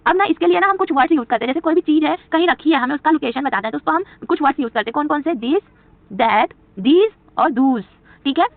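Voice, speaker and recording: Fast high-voiced woman teaching English. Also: lively intonation, no room sound. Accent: Hindi. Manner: repetitive quizzing, answers her own questions. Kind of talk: beginner spoken English lesson. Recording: tinny phone-like audio.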